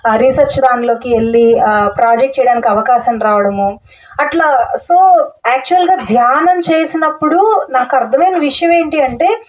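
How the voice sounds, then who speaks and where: A woman's voice: high-pitched, normal speed. A young woman telling her own story at a meditation talk, earnest and full of restarts, mixing in English words. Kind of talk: personal testimony talk. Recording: dull audio from a distance.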